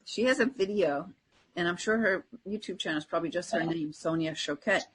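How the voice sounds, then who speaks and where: A podcast co-host with a distinctly husky, low-clarity voice talks a little fast in a fairly bright tone. She sounds casual and earnest, like an unscripted chat, often checking that her listener agrees. The audio is poor.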